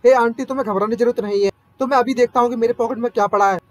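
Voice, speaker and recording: A man's voice: very high voice, fairly even intonation, very fast. A man voicing a cocky young male card fighter in a storybook recap, with a taunting manner.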